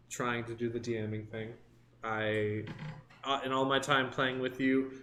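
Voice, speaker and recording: A man's voice: medium pitch, a bit bright. A young man co-hosting a podcast, talking casually and playfully, rambling and jumping into silly voices. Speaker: podcast co-host. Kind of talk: casual chat. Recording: echoey room with faint hiss.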